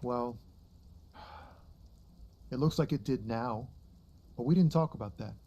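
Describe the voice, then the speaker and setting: An actor playing a weary, tender truck driver in a video game, speaking in a reflective, sincere and halting way. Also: male voice, mid-range voice, dark tone, muffled recording. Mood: protective, sad. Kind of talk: dramatic video game dialogue.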